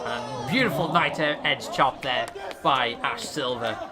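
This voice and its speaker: A man calling wrestling moves in steady play-by-play commentary. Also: mid-range voice, measured pace. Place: wrestling event with live crowd. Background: crowd noise.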